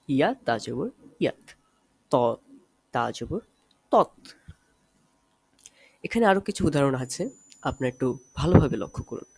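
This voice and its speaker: Slow, husky-voiced male Arabic drill teacher. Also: mid-range voice, dry recording. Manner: slow, deliberate letter-by-letter recitation. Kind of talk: spelled-out letter drill lesson.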